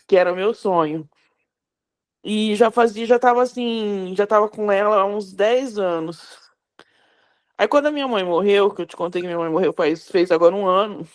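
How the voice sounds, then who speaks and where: A Brazilian woman in her fifties, a class participant, telling a personal story in a rambling, self-correcting way over a video call. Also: mid-range voice. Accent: Brazilian Portuguese. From São Paulo, Brazil. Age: 50s.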